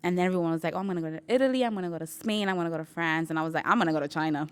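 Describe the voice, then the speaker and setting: A young woman from New York tells a personal story in a relaxed, chatty way. Her voice sits low and sounds clear and smooth. She often acts out what she said and breaks into laughter. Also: rapid-fire. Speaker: interviewee sharing her story.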